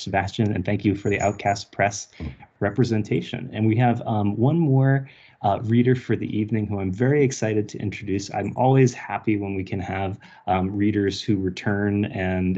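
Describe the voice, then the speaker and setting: A male host speaks over a group voice chat. His low voice is husky, and the call audio comes through dull and lo-fi. He introduces each reader haltingly, pausing on ums and restarting his sentences. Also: fairly even intonation, dark tone. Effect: heard over a group voice chat. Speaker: host of a reading series.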